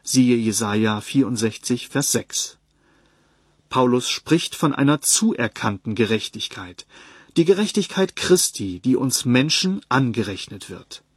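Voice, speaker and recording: Ein Mann, der ruhig und gemessen eine Predigt vorliest und dabei Bibelstellen angibt. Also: male voice, medium pitch, slightly rough, dry recording, studio quality. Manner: calm, measured, citing verses. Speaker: Bible teacher. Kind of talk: read sermon on a Bible text.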